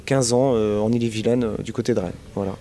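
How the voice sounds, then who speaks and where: A musician in his thirties from Brittany, France, answers interview questions in a casual, hesitant way, full of fillers and restarts. His voice is lowish, steady and mellow, and he talks fast.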